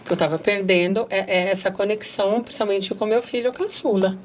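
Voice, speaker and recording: An earnest, middle-aged woman with a Brazilian accent, speaking as a podcast guest. She reads passages aloud in an even, mid-range voice and turns often to speak straight to the listeners, with a faint hiss of noise underneath. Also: medium pitch, fairly quick. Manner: earnest, addresses listeners directly. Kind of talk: casual conversation, reading passages aloud.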